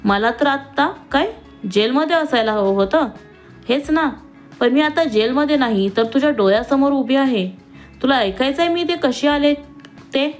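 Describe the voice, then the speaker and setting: A woman's voice: sits high, animated, moderate pace, faint music behind. A woman voicing a scheming, vengeful young woman who has escaped from jail and talks in a taunting, sneering way.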